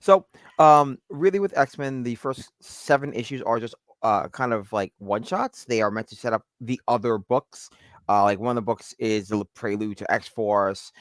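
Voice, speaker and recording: A man's voice: medium pitch, normal speed, no echo. A man co-hosting a podcast in casual chat, rambling with lots of fillers and restarts. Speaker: podcast co-host.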